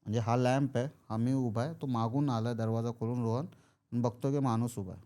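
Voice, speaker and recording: A man's voice: medium pitch, fairly even intonation, brisk, mellow. A man telling a horror story casually, acting out the characters' lines. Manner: acts out characters' lines in quoted speech. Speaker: podcast guest storyteller.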